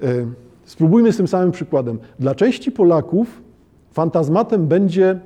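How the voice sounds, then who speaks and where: A man giving an academic lecture on literature, talking haltingly with many hesitations and checking that his listeners follow. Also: sits high, animated, mellow. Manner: halting, with frequent "e" hesitations and restarts; addresses listeners formally and checks understanding.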